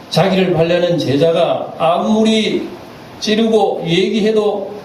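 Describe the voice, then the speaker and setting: Animated male pastor in an echoey hall. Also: a little high. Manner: animated, acts out quoted voices. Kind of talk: sermon. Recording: echoey church hall, distant mic, faint noise.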